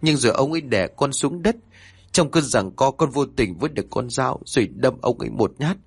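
A man's voice: mid-range voice, lively intonation, fairly quick, husky, no echo. A man voicing a terrified young wife who stammers and pleads through tears in a horror story. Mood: tearful confessing. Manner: sobbing, stammering pleas.

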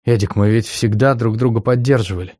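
A persistent young woman who won't let go of her ex, pleading insistently as a male reader puts her on. Her lines sit low in pitch. The recording is close and dry, with no room sound. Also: fairly quick, a little mellow, no room sound, lightly acted.

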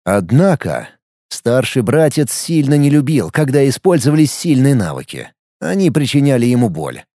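Lively gravelly man narrating an audiobook. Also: medium pitch, moderate pace, dry recording, clean studio sound. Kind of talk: scripted narration.

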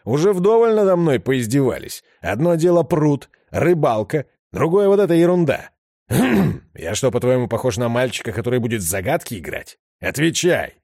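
A crude, menacing heavyset man, as a male reader puts him on. He talks in a coarse, leering growl that swings widely from sullen lows to roaring highs. The recording is dry and close, with no room around it. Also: sing-song, normal speed, darkish tone, no room sound. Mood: furious. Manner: growling, aggressive.

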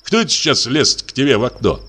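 Grumpy sleepy husband, dismissive and slow, storybook reading, as the reader plays him. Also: male voice, mid-range voice, big pitch swings, a bit bright, husky. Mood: grumbling. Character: sleepy, grumbling male assistant prosecutor, middle-aged.

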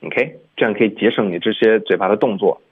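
A man teaching English pronunciation on a radio lesson, explaining in Chinese and slowly repeating English sounds. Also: on the low side, breathy edge. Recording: phone-like narrow-band radio sound.

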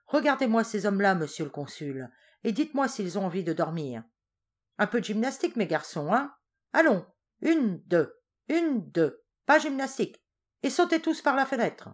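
A woman's voice: sits low, very animated, moderate pace, hardly any pauses, breathy edge, full character voice. A woman reading an audiobook voices a domineering male general who barks orders at his soldiers. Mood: bellowing. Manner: barking commands.

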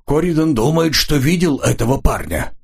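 A man's voice: fairly high pitch, very animated, moderate pace, vocal fry, husky, pitched above the performer's own voice, exaggerated voice. A man voicing a matter-of-fact police inspector in an audiobook. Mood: offhand.

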